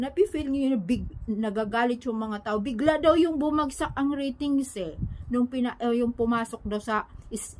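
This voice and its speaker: Woman, slightly high-pitched, casual gossip host talking straight to her followers, with a faint hiss behind her. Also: rough recording. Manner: chatty, retells hearsay, keeps asking the audience for agreement. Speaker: showbiz gossip vlogger. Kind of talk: casual gossip commentary to viewers.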